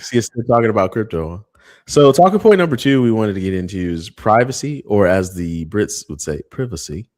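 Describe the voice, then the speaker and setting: A man's voice: on the low side, animated, brisk, darkish tone. A man co-hosting a podcast in loose, casual chat, joking and swearing freely. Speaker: podcast co-host.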